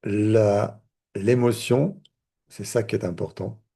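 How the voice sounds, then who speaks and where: A man's voice: on the low side, fairly even intonation, slow, mellow, husky. A man, a therapist, teaching a live online lesson in a conversational way, with many fillers and restarts. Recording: video call audio.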